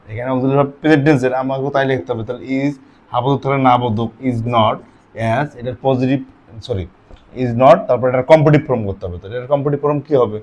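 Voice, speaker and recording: Male grammar teacher, talks it through question by question, mid-pitched. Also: a little mellow, muffled recording. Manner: asks questions and answers them himself. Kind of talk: classroom lesson with asides and a told anecdote.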